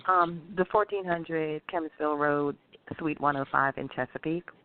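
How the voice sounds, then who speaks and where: A middle-aged restaurant owner from Guyana answers interview questions in a friendly, chatty manner, explaining dishes at length with fillers. The voice is medium-pitched with fairly even intonation and a moderate pace, heard over a tinny, phone-like line with faint hiss.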